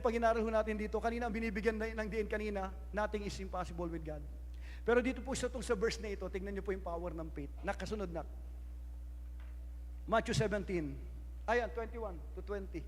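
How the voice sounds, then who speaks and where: A Filipino pastor with an unusually high voice preaches to his congregation, quoting scripture in English among his own words. His voice carries into a big church hall with a long echo that trails after each phrase. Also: fairly bright tone. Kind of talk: sermon.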